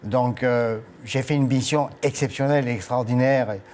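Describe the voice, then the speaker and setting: A man's voice: medium pitch, normal speed, a little mellow, a little hiss or hum. An older man being interviewed on TV as a departing director, speaking formally with frequent hesitations. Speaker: guest, agency director. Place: TV studio.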